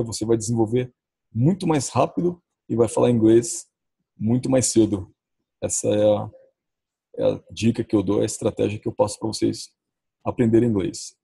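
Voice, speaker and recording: A man with a Brazilian Portuguese accent teaching English in a recorded lesson, saying the English example phrases slowly and drawn out. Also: mid-range voice, creaky, warm tone, husky. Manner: says English model phrases slowly and drawn out, often adds "ó".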